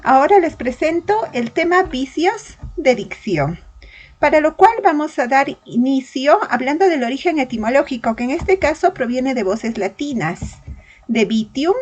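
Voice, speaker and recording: A woman teacher giving a verbal reasoning lesson, slowly and deliberately spelling out examples of correct and incorrect words. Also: high voice, lively intonation, low-quality recording.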